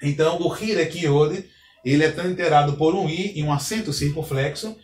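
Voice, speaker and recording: Guy teaching at a whiteboard, patient, a bit high voice, roomy echo, mic kinda far off. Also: normal speed, darkish tone, a little hiss or hum. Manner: patient, explanatory, frequent "tá ok, pessoal?". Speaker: Hebrew teacher. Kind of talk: video lesson at a whiteboard. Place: classroom with a whiteboard. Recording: echoey room, mic at a distance, faint ambience.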